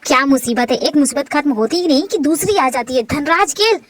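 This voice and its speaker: A woman's voice: high-pitched, lively intonation, a little fast, dry recording, pitched below the performer's own voice. A woman voicing a cold, brooding rich young husband who speaks curtly and with suspicion. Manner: curt, suspicious.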